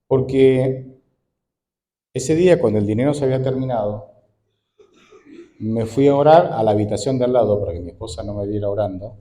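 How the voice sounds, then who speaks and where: A man's voice: medium pitch, brisk, pauses often, dark tone. A man in his forties, an Argentine pastor, preaching a conversational sermon full of rhetorical questions. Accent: Argentine Spanish.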